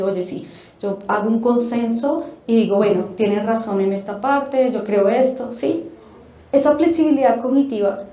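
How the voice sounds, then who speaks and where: A high-pitched woman from Colombia lectures an audience at a forum, her voice bouncing around a reverberant hall. She is animated, poses rhetorical questions and slips into little acted-out quotes. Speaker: speaker at a family forum.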